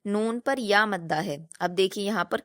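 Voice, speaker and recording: A woman's voice: medium pitch, fairly bright tone, dry recording, clean studio sound. A woman teaching a recitation lesson. She explains patiently, asks her own questions and answers them, and draws out the syllables she drills.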